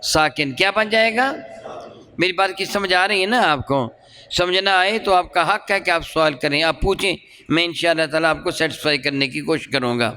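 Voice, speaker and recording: A man's voice: a little high, fairly quick, sharp tone, clean tone. A man teaching Quran recitation in a class, drilling sounds and asking questions, then repeating the answers. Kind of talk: classroom lesson with call and response. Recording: long hall reverb.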